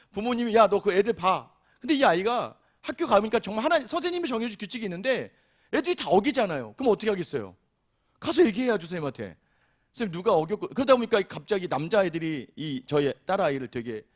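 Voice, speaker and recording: A male pastor delivers a sermon in a fairly high, very expressive voice, with his pitch swinging widely. He tells stories with animation and keeps turning to the congregation directly. The recording sounds dull and muffled. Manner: animated storytelling, often addressing the congregation directly. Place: chapel service.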